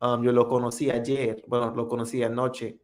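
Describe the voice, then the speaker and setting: A native English-speaking man hosts a casual live practice stream, answering viewer comments in English and Spanish. His mid-range voice stays fairly flat in pitch, and his manner is unhurried and friendly.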